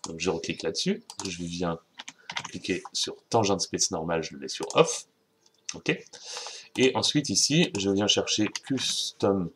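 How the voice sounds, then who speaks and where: Brief: French male tutor, lowish voice, informal screen-recorded lesson, soft keyboard and mouse clicks behind. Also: slight background noise. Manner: informal, chatty, self-correcting, addresses viewers directly. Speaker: software tutorial instructor.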